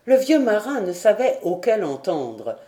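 A woman narrating a classic adventure novel as an audiobook, in a measured, steady reading. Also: medium pitch. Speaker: audiobook reader.

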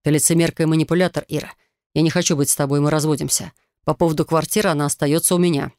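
A woman's voice: deep voice, steady tone, racing, darkish tone, no echo, clean studio sound. A woman reading an audiobook, voicing a cold, contemptuous husband who talks bluntly and scornfully. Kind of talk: audiobook character voice.

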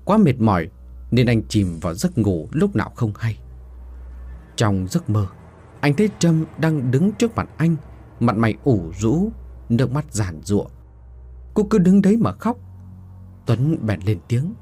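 A man narrates a ghost story with a dark, husky voice and a lively, rising-and-falling melody. His delivery is dramatic and expressive, with soft music playing faintly behind him. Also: medium pitch, unhurried, long pauses. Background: faint background music.

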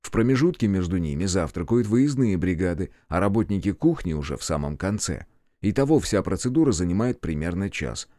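Male narrator, low voice, calm even reading, first-person audiobook, dry close sound. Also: fairly quick, no room sound.

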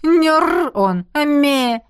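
Audiobook: blunt, commanding young woman, read by a female narrator, brisk delivery. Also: fairly high pitch, expressive, lightly acted. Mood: dry. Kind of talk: audiobook reading.

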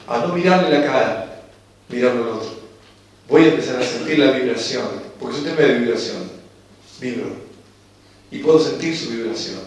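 A man with a Rioplatense Spanish accent giving a reflective spiritual lecture. He speaks calmly and unhurriedly, and slows down to repeat key phrases. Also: medium pitch, slight background noise. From Argentina. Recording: very echoey hall, voice from far off.

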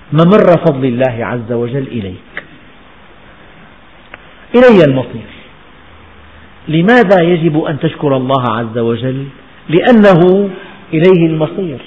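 An older man, preaching a slow, measured, emphatic Quran lesson in a lo-fi recording with long hall reverb. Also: on the high side. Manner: slow, measured, emphatic delivery with dialect asides.

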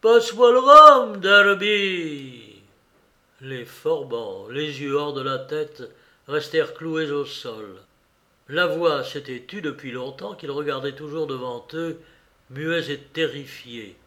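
A man reading a classic novel aloud for radio in a measured, expressive way. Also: medium pitch. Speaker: reader.

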